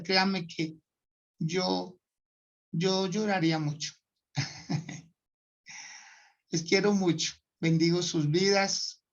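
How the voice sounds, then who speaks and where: A man's voice: sits high, creaky, a bit bright, muffled recording. A male pastor preaching a sermon and urging his congregation to repeat blessings after him. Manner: slow, exhorting, gives the congregation words to repeat. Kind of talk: sermon leading a prayer.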